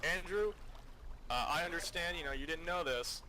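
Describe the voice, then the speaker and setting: Another bossy, foul-mouthed squad leader improvises a mission briefing in online game voice chat, his voice on the high side at a moderate pace. Loud background noise and game ambience are audible.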